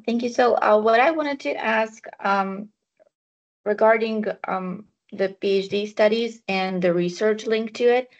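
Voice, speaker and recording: A Czech woman asking about doctoral study in English with a Czech accent, pausing with many ums as she searches for words. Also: mid-range voice. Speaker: prospective student asking questions. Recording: dull lo-fi call audio.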